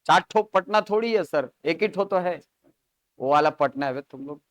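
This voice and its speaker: Male coaching-class teacher, bright smooth tone, dry close sound, lectures with quick questions to the room. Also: on the high side, lively intonation, dry recording. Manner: explains with examples and frequent rhetorical check-ins to the class. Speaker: Hindi grammar teacher.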